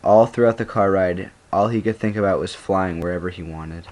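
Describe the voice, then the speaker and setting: A male student reading his own story aloud, unhurried, with occasional stumbles and restarts. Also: sits low, fairly even intonation, darkish tone, muffled recording, a little hiss or hum. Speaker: student reader.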